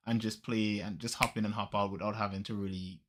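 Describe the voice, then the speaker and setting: A man's voice: on the low side, flat delivery, quick pace, noisy background. A man hosting a podcast, talking casually and at length about games he plays with friends, with lots of fillers. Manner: rambling, filler-heavy, laid-back. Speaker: podcast host.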